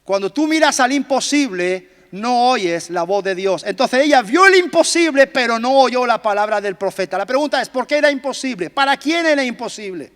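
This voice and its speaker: High-voiced emphatic male preacher. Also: expressive, a little fast, hardly any pauses, fairly bright tone. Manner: emphatic, quizzes the congregation, jokes. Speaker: pastor. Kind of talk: sermon. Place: church hall. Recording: long reverb of a church hall.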